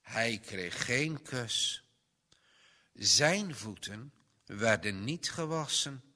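A man reads a children's Bible story in a slow, tender and expressive way. His bright voice moves lively up and down. A long reverb hangs after each phrase, as in a large room. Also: medium pitch.

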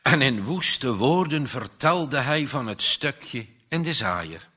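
A man reading a story aloud as narrator, in slow, measured storytelling. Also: mid-range voice, expressive, pushed and bright, husky. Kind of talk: audiobook reading.

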